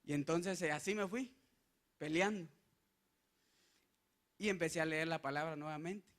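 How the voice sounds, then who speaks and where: Man, Guatemalan Spanish accent, testimony sermon, earnest, halting, fairly high-pitched. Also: fairly bright tone. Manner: earnest, halting with many restarts and fillers. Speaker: lay preacher.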